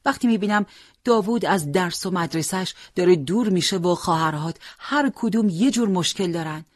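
A reader voicing a worried, tender middle-aged mother who coaxes and scolds gently, in an audiobook character reading. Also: mid-range voice, no echo, clean studio sound, pitched above the performer's own voice, lightly acted. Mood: anxious. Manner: gently coaxing, scolding when pressed.

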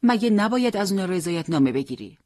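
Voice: medium pitch, big pitch swings, a little mellow, dry recording, studio quality, voice pushed up, close to an everyday voice. A reader voicing an anxious teenage boy who pleads with his friend, raising his voice in disbelief. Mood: worried, pleading. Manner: pleading, incredulous questions.

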